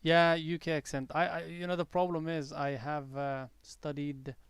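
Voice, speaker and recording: A man's voice: a little high, little pitch movement, moderate pace, clean tone, dry recording. A man with a mixed English accent, partly American and partly British, hosting a casual live day-trading stream. He rambles in a chatty way, with frequent fillers and restarts. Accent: mixed accent, partly American-tinged English learned abroad, softened by years in the UK. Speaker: day-trading livestream host.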